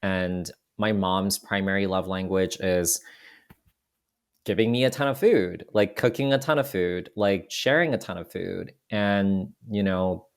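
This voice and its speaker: A photographer appears as a guest on a podcast, speaking in a very low, gravelly voice in a reflective, casual conversation. Cantonese is his first language, and he's thoughtful, with searching pauses, frequent small restarts and plenty of "you know".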